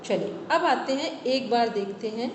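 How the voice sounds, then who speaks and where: High-voiced woman teaching in an echoey hall. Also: lively intonation, normal speed, noisy background. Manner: patient, corrective, explains pronunciation. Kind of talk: online class instruction.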